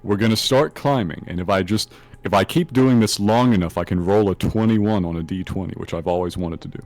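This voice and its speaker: A man's voice: low-pitched, a little fast, darkish tone, no room sound, faint music behind. A man chatting casually at a game table as a player describing his moves.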